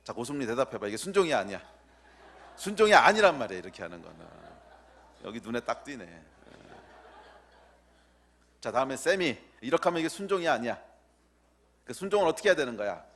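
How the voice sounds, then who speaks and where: A male pastor preaching a sermon, teasing and quizzing the children in the pews and slowly repeating key words for emphasis. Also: medium pitch, expressive.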